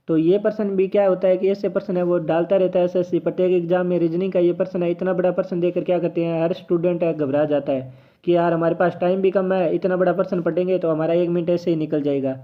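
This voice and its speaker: A man teaching an exam reasoning question in a chatty, encouraging way, thinking aloud as he solves it. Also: sits high. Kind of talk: casual tutorial lesson. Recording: tinny phone-like audio.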